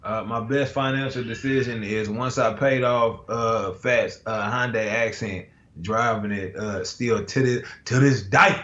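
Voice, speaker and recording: This American guest artist speaks a little slowly at medium pitch, his intonation fairly even and his tone bright and forceful. He keeps the video-call conversation relaxed and slangy, full of fillers and false starts. The sound is lo-fi, dull and roomy.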